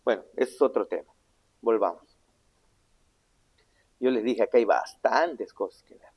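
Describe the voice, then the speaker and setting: A man preaching a sermon, asking the congregation questions and answering them himself, swinging between loud emphatic lines and low hushed asides. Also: a little slow, slightly rough, muffled recording. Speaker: pastor. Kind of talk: sermon Bible teaching.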